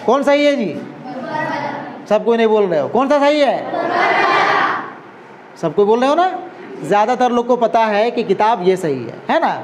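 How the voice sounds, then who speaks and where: A man's voice: very high voice, sing-song, normal speed, long pauses, crowd noise. A man stands before his class. He explains patiently and keeps asking whether the students follow. Faint room noise sits behind him. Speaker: Urdu teacher. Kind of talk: classroom lesson.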